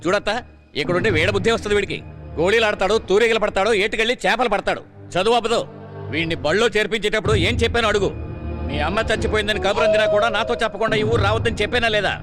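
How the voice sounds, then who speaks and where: A man's voice: high voice, very fast, music in the background, natural voice. A man playing a stern, scolding village father. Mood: angry scolding. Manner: scolding, commanding. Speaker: strict father. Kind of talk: film drama acting. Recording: film dialogue over loud score.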